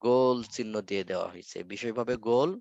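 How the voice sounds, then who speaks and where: A man's voice: mid-range voice, quick pace, gravelly, darkish tone, no room sound. Patient man drilling words, dull call audio. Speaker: Arabic teacher. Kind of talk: online class teaching. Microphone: video call.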